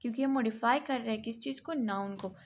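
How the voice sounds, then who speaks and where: A woman's voice: fairly high pitch, fast talker. A woman teaching English grammar to beginners, explaining patiently, often checking in and correcting herself.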